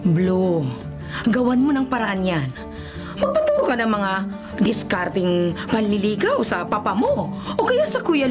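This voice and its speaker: In a Filipino radio drama, a woman with a Filipino accent and a somewhat high voice plays a doting, meddling middle-aged mother. Her delivery is teasing and pushy.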